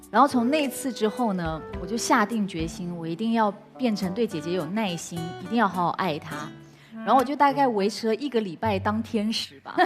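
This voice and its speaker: A woman guest tells a personal story candidly, sometimes jumping high when she acts out her own outbursts. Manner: candid, acts out quoted outbursts with sudden high bursts and laughs. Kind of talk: emotional personal storytelling on a talk show.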